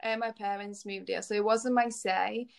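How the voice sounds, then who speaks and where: A chatty woman in her twenties, originally from Lithuania, whose English carries a semi-Scouse twang. She keeps her pitch level and even, peppering her answers with "like" and laughing easily as a casual interview guest. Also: moderate pace, gravelly. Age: 20s. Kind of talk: casual chat.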